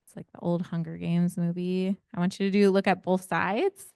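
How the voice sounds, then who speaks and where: A woman's voice: on the low side, level tone, moderate pace, creaky, darkish tone, clear, resonant tone, no echo, studio quality. A woman parent educator leading an interactive workshop, engaging the group with frequent questions and hands-on exercises. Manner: engaging, asks the audience many questions.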